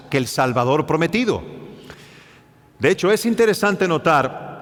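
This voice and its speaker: Man, preacher, high lively voice, animated sermon, long church-hall echo. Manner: animated, acts out biblical cries with rising intensity.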